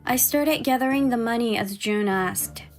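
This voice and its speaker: In a dramatized story, a woman in her 40s voices a forty-year-old housewife and crafts artist, sounding expressive and exasperated but caring. Her pitch sits on the high side and the acting is light: indignant in the dialogue, measured when she narrates. This first-person story narration and dialogue plays over background music.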